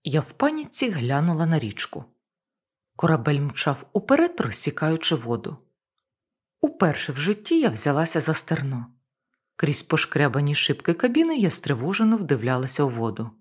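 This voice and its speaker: A woman reads a first-person novel aloud as an audiobook, in a low, husky voice. Her intonation rises and falls widely, giving the narration an expressive lift. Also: moderate pace. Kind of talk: audiobook reading.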